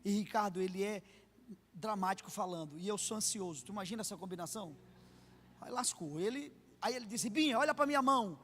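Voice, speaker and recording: A Brazilian man preaching a sermon as pastor, acting out stories and rising into impassioned shouts. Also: high-pitched, a little fast, slight background noise. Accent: Brazilian Portuguese. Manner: acts out dialogue in anecdotes. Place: church sanctuary. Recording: long church reverb, faint music.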